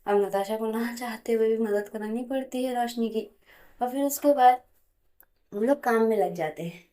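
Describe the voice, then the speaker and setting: A woman telling a long romantic story in a chatty, plain way, moving from one scene to the next. Her voice is fairly high for a woman but dark and mellow in tone. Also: moderate pace. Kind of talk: told story narration.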